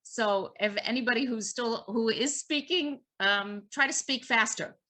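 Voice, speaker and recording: A woman moderating a video call meeting, briskly thanking people and introducing speakers. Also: a little high, sharp tone.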